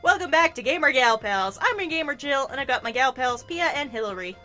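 A giggly woman hosts a casual let's-play commentary. Her voice is high and bright, and it jumps around a lot in pitch. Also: lively intonation, fairly quick, soft background music. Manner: giggly, laughs often. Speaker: host.

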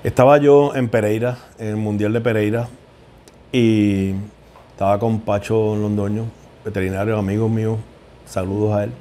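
Mellow-voiced man telling stories. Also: fairly low pitch, steady tone, moderate pace, slight background noise. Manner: heartfelt, repeats words as he searches for them. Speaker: equine veterinarian. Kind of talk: emotional interview storytelling.

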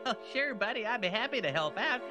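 A man's voice: high voice, expressive, fast talker, over music. A man voicing a relentlessly cheerful cartoon neighbor who talks in sing-song rhyming nonsense.

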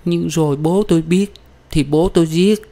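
A man doing a young village woman in a storybook, timid and tearful. Her voice sits well above the reader's own, soft and pleading. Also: mid-range voice, fairly quick, pitched above the performer's own voice, close to an everyday voice.

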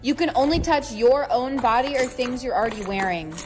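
Casting: woman as bossy rule-setting mother, firm, high-pitched, light music underneath, social-media skit. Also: animated, a little fast, lightly acted. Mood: stern. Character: strict, bossy mother laying down rules.

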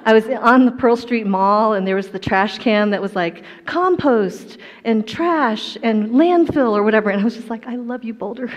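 A middle-aged woman from Colorado, USA, gives a personal testimony talk as a guest speaker on a large indoor hall stage, telling it like a story with self-deprecating humor. Her voice is on the high side, at a moderate pace with hardly any pauses, and the hall sound is dull and echoey.

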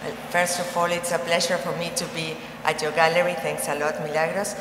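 A middle-aged woman from Argentina with an Argentine Spanish accent, a native Spanish speaker, explaining her artworks in a halting way, searching for words. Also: fairly low pitch, flat delivery, noisy background. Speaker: artist. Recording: roomy gallery echo with music.

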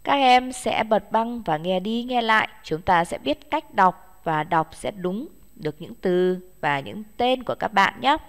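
A woman teaching English to young children in slow, patient steps, with a Vietnamese accent, saying each word twice. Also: mid-range voice, in a large hall.

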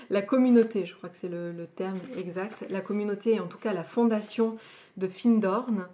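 A woman in mid pitch hosts a relaxed book presentation video. She talks in a halting, unscripted way, often pausing on fillers and restarting her sentences. The recording sounds dull and somewhat lo-fi. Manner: hesitant, many fillers and restarts. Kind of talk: casual spoken book presentation.

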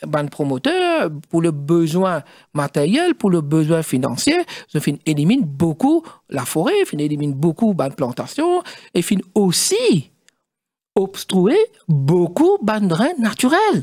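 A middle-aged man with a Mauritian accent, a studio guest explaining in halting speech with many fillers and restarts. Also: on the high side, huge pitch swings, darkish tone, dry recording. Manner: halting, mixes French and Creole, many fillers. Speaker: studio guest, former district council president.

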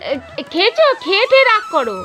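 A woman's voice: very high-pitched, wildly swooping pitch, fast talker, bright, forceful tone, faint music behind. A young woman cooing affectionately in baby talk to a sulking pet.

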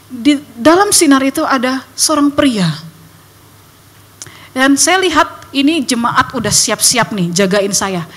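A young woman evangelist giving a lively testimony to a church congregation, acting out voices and sounds as she tells her story. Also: sits high, measured pace. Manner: animated storytelling, acts out voices and sound effects. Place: church hall.

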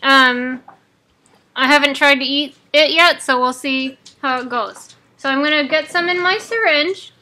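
High, bright woman talking through clenched teeth. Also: unhurried. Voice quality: speaking through clenched teeth, jaw wired shut. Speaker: vlogger. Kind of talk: casual tutorial chat. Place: small home living room, indoors. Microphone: webcam at close range.

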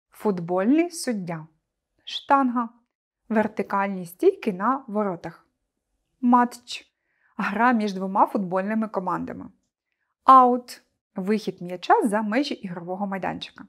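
Her voice is mid-range with a darkish tone as she, a teacher, presents a scripted lesson online. She speaks to her pupils in a clear, deliberate way.

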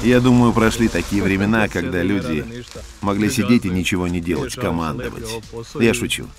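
A man's voice: low voice, animated, a little fast, a crowd in the background. A man voicing a documentary interview, asking and answering in a plain conversational way. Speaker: interviewer and voice-over narrator.

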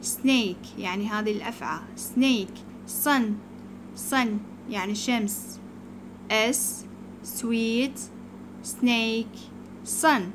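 A woman teacher, giving a slow alphabet lesson to young children and repeating each word before explaining it. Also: a little high, noisy background. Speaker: primary school teacher.

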